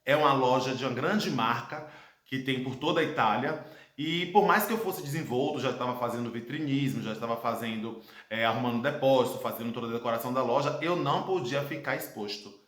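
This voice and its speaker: In an echoey indoor room at home, a thirtysomething Brazilian man with a Brazilian Portuguese accent tells his own story in a monologue. His fairly bright, ordinary-pitched voice is earnest and reflective, punctuated by dramatic pauses.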